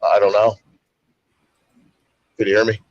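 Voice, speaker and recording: A man's voice: fairly low pitch, flat delivery, unhurried, dry recording. Male co-host phoning in while driving, voice cutting in and out, muffled dry call audio, blunt and profane. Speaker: podcast co-host. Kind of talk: casual chat. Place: in a moving car.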